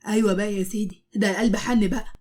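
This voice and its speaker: A woman's voice: medium pitch, steady tone, fast talker, a little mellow, natural voice. A woman with an Egyptian Arabic accent voicing a young man, a teasing, protective older brother who bosses his friend around with jokes. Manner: joking, bossy banter.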